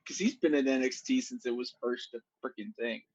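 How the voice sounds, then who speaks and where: A man's voice: mid-range voice, a little fast, a crowd in the background. A man co-hosting a podcast in casual chat, making dry wisecracks and swearing casually. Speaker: podcast co-host. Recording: dry dull lo-fi mic.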